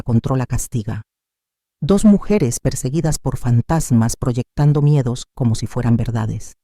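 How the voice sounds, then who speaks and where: A man narrating a family drama in the first person, in a measured, dramatic storytelling manner. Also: medium pitch, dark tone, no echo, studio quality.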